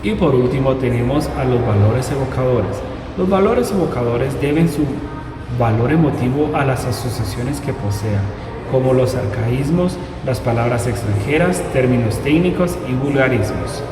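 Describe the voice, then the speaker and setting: A man's voice: mid-range voice, expressive, normal speed. A young man with a Guatemalan accent, a student steadily reading a prepared explanation. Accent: Guatemalan Spanish. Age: young adult. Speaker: university student presenter. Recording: distant voice in reverberant hall with music.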